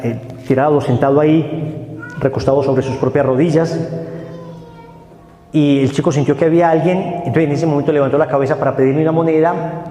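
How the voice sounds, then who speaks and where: A man preaching a sermon, telling a story with emphasis and dropping to a soft, solemn tone. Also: medium pitch. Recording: echoey hall, long reverb.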